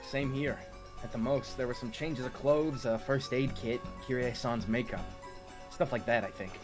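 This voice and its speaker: A man's voice: mid-range voice, normal speed, music in the background, lightly acted. A man playing an earnest young person anxiously puzzling over clues in an amateur visual novel read. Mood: reasoning.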